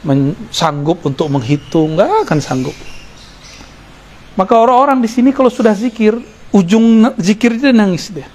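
A man teaching a sufi study circle, relaxed and joking now and then with the listeners around him. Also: high voice, slight background noise. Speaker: religious teacher.

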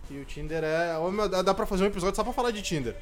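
A young man, joking quickly and animatedly in a casual podcast chat. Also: sits high, over loud music. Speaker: podcast co-host.

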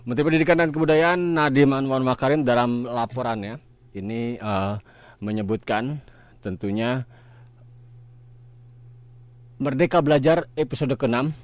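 A man's voice: mid-range voice, a little mellow. Indonesian male radio news host. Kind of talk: radio news presenting with ad-libbed commentary. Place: radio studio.

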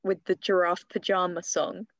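A woman's voice: on the low side, level tone, moderate pace, fairly bright tone, slight background noise. A young woman in her twenties co-hosting a casual podcast, chatty and playful, teasing her friend and laughing often. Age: 20s. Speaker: podcast co-host. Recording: slightly dull lo-fi sound.

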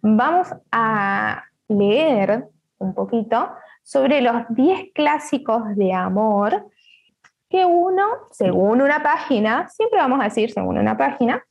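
A woman's voice: a little high, animated, slow pace, creaky, breathy edge, muffled recording. A woman with a Rioplatense Argentine accent hosts an online book club in a chatty, playful way, full of asides and restarts, over a video call.

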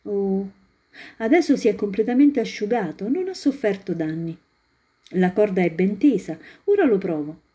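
A woman reading a storybook and voicing a cheeky, mischievous little boy in a high, teasing tone. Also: lively intonation, normal speed, dark tone, natural voice. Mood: playful.

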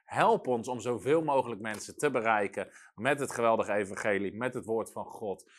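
Man, preacher, broadcast sermon, animated, slow scripture reading. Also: on the low side.

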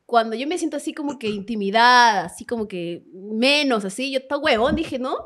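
Animated young woman storyteller. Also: on the high side, fairly quick. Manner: animated, swearing, self-mocking storytelling. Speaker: guest comedian. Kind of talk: casual storytelling chat.

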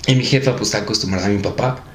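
A man's voice: on the low side, rapid-fire. A young man with a Mexican accent telling a story in a casual podcast chat, full of swearing and laughter. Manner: swears a lot, laughs often. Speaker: podcast co-host. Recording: echoey room.

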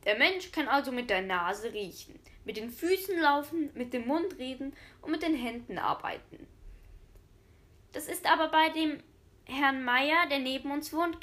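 A woman's voice: high-pitched, a bit bright. A woman voicing a stern schoolteacher who lectures a class.

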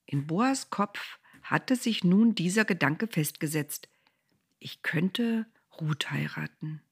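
A woman's voice: fairly low pitch, a bit bright. A woman narrating a Bible story for children, speaking directly to her young listeners.

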